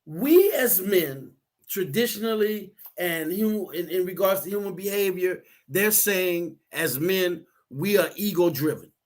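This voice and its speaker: Guy with a high voice explaining stuff, earnest, keeps repeating himself. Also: lively intonation, a little slow. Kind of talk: casual discussion.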